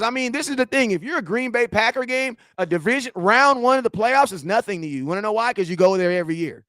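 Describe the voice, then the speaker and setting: A man, reading and answering viewer chat in a slangy, animated sports rant. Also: very high voice, dry recording, studio quality. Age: 40s. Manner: animated, slangy trash talk, shouts at chat. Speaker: sports fan streamer.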